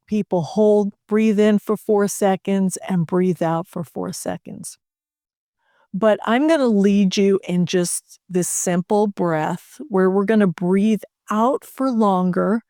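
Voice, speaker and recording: A woman's voice: mid-range voice, warm tone, no echo, clean studio sound. A middle-aged woman, a leadership coach, speaking in a soothing way and leading a guest through breathing exercises. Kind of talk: calm guided coaching talk.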